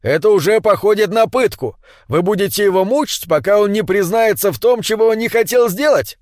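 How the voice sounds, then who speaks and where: A man's voice: high voice, fairly quick, a little mellow, no echo, studio quality, voice pushed up, lightly acted. A man doing an indignant panel expert. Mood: reproachful. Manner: objecting, reproachful.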